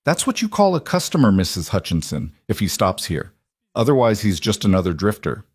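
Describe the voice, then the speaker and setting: A man voicing a guarded young woman who runs a frontier store, with crisp, dry retorts in a raised voice. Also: lowish voice, wildly swooping pitch, brisk, no echo, full character voice. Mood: brisk. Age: 20s.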